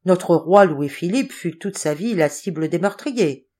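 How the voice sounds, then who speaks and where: A woman's voice: lowish voice, lively intonation, measured pace, a little mellow. A woman reading the part of a senior male clerk who argues his point earnestly. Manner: questioning, earnest.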